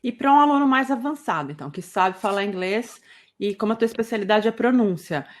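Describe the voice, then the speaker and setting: A woman from Brazil hosting a casual interview, asking questions and swooping up when excited. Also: mid-range voice, brisk. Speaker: host.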